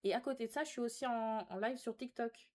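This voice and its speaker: This young female live streamer has a slightly high, darkish voice and talks fast. In a casual live chat she reads and answers viewer comments, sounding teasing, sassy and slangy.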